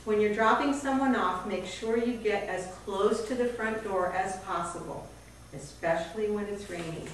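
A woman's voice: medium pitch, moderate pace, heavy reverb, recorded from a distance, a little hiss or hum, poor audio. A woman telling a personal family story on stage, acting out the voices of her relatives. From Miami area. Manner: vivid storytelling, acts out quoted family members.

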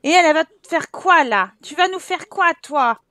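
A woman's voice: very high voice, lively intonation, moderate pace, a bit bright, dry recording. A woman from France giving casual let's-play commentary, exasperated and scolding the characters in her game, often laughing. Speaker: gaming YouTuber.

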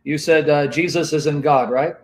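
A man's voice: a little high, fairly even intonation, moderate pace, low-quality recording. A man hosting a heated call-in debate, impatient and domineering, repeating his questions and cutting in. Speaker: debate host.

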